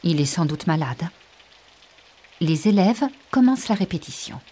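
A woman narrating a learner's storybook in a slow, clear, evenly articulated way. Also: on the low side. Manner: slow, even and carefully articulated. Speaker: audiobook narrator.

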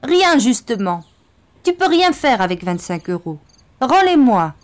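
A woman's voice: on the high side, big pitch swings, measured pace, voice pushed up. A woman voicing a frightened but defiant young schoolboy in a storybook reading. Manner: pleading, defiant.

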